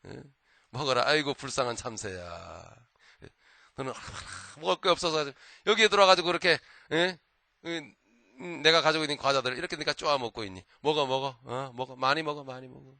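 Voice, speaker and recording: A man's voice: a little high, sing-song, moderate pace, bright, forceful tone, no room sound, full character voice. A man voicing a smug, lazy male zoo bear who brags and mocks in a drawl. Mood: mocking. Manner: boastful, mocking drawl.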